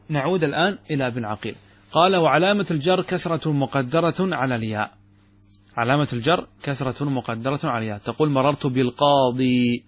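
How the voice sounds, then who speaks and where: Man teaching grammar, kinda husky and a bit high, reads a line then explains it, keeps asking the class questions, dry close sound. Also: no echo. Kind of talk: lecture explaining a grammar text.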